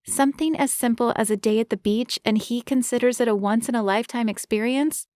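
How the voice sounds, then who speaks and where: Female narrator voicing a brisk, caring young woman, raised above her reading voice, dry booth. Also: fairly high pitch, expressive, dry recording, voice pushed up, natural voice. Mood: tender. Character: caring young woman, fussing, tender-hearted.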